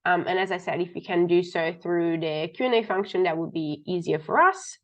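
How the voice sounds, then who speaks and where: A woman's voice: on the low side, fairly quick. Slightly muffled, under-the-weather woman hosting online. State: slightly sick. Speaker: webinar host. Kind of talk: informal online event introduction. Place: online video webinar. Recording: dull, muffled online call audio.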